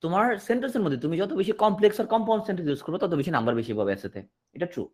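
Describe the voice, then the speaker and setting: Male tutor, online class; animated delivery that rises and falls, reads example sentences slowly. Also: high voice. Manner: explains in a question-and-answer rhythm, repeating and checking understanding; reads English sentences slowly and deliberately, then translates. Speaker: English teacher.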